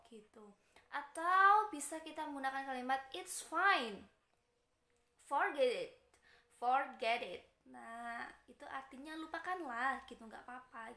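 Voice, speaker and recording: A woman with an Indonesian accent teaching an English lesson, patiently explaining and reading example phrases slowly and clearly. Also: high-pitched, sharp tone, roomy sound. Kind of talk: recorded online lesson.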